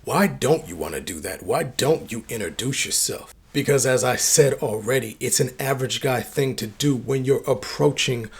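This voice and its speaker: A man coaches his viewers on dating in emphatic, slangy talk. His voice is a little husky. It sits at a middle pitch. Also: expressive, moderate pace, few pauses. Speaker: dating advice host. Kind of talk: direct-to-camera advice talk.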